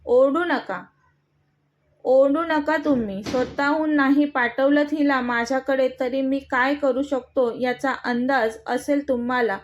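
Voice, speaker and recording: A woman's voice: high voice, a little slow, dull audio, slight background noise. A woman voicing an arrogant, menacing young male villain who taunts and threatens in a storybook reading. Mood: taunting. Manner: mocking, threatening.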